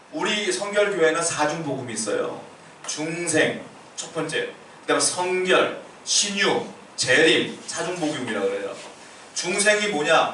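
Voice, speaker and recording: A man's voice: high-pitched, pushed and bright, a little hiss or hum. A male pastor giving a sermon in a conversational, storytelling manner, recorded in a church sanctuary. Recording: echoey church hall from far off.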